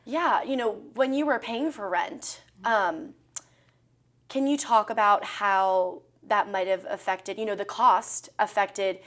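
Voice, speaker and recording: Female interviewer with a mid-pitched voice. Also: takes it slowly. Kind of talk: conversational interviewing.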